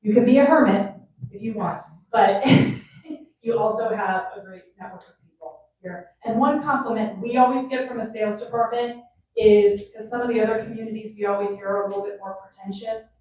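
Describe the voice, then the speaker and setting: A woman's voice: medium pitch, fairly even intonation, brisk, a little mellow, slight background noise. A woman who works at a senior community, hosting a resident panel in a chatty way, laughing often and restarting sentences. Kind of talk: casual panel talk. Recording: echoey room, picked up from far off.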